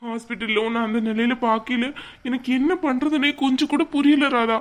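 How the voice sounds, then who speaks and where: A woman doing a sorry young cartoon husband, soothing, kinda high voice. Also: level tone, brisk, lightly acted. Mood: apologetic. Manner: apologetic and soothing. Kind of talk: cartoon voice acting.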